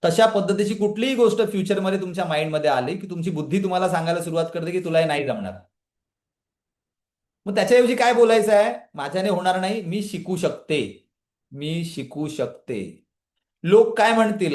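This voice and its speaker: With a fairly high voice and a roomy sound, a man leads a motivational women's empowerment session streamed live online. He fires questions at the audience with plenty of energy and keeps turning to the chat for their replies.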